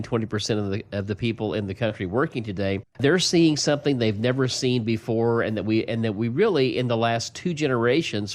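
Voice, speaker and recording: A man's voice: medium pitch, a little mellow. Male financial advisor, folksy explainer who chuckles between points. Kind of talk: casual explanatory radio talk.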